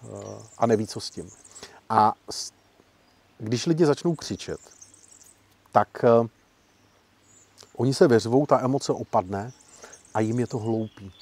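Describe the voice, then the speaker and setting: Husky man explaining negotiation tactics. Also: lowish voice, pauses often, dry recording. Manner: lively, emphatic, acts out example quotes. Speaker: professional negotiator, guest speaker. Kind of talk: explanatory interview talk.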